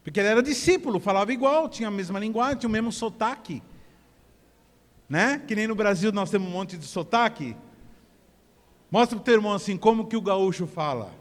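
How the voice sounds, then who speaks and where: High-voiced preacher in an echoey hall. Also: male voice, a little fast. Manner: animated, conversational preaching that builds to shouting. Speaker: pastor. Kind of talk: sermon. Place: church hall.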